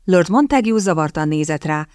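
Low-voiced woman narrating an audiobook. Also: lively intonation, darkish tone, no room sound, studio quality.

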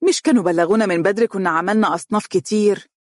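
A man voicing a chatty middle-aged Egyptian mother who talks quickly and fusses. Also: mid-range voice, no room sound, studio quality, pitched above the performer's own voice, lightly acted.

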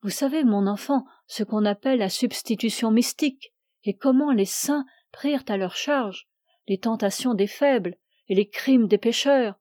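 The voice, listed as a man's, is extremely high-pitched with a darkish tone, normal speed, no echo, and studio quality. In it, a woman reads the role of an older ascetic male priest who preaches with grave, solemn fervor, sounding both imperious and pleading.

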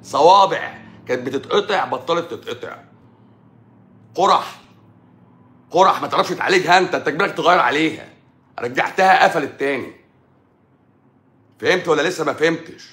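Fast-talking combative Egyptian man. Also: a little high, expressive, a bit bright. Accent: Egyptian Arabic. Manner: combative, rapid rhetorical questions. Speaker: doctor. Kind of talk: live-stream rant. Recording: echoey room.

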